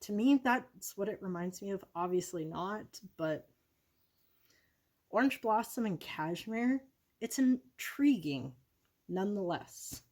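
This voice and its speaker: A woman's voice: medium pitch, animated, slow, darkish tone. A woman vlogging casually about her product predictions, rambling and correcting herself with many ums.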